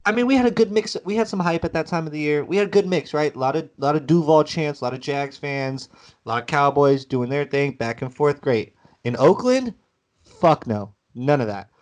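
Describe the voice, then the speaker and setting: A man co-hosting a casual sports podcast, telling animated stories and swearing freely. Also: on the high side, a little fast. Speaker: podcast co-host.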